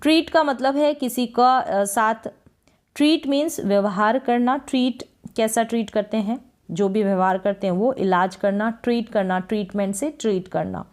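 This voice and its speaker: A woman teaching a lesson that spells out English words slowly, asking questions and answering them herself. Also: fairly high pitch, darkish tone. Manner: slow, drawn-out spelling of each word, then repeats the meaning. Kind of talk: spoken Hindi lesson on reading English words.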